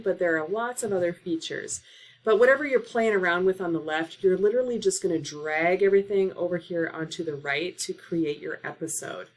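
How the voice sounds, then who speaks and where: A woman teacher-librarian giving a casual tutorial, talking through steps on her laptop with frequent fillers, recorded on the laptop microphone. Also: mid-range voice. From Oregon. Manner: casual, filler-heavy instruction. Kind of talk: screen-share tutorial.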